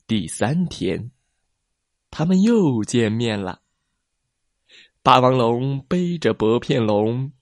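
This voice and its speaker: A man reading a children's story aloud in an unhurried, gentle manner. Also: medium pitch, no echo, clean studio sound.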